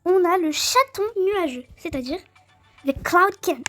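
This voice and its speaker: High-voiced, chatty woman doing game commentary. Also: unhurried, faint music behind. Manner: chatty and excitable, addressing viewers directly. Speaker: gaming video creator. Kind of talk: let's-play game commentary.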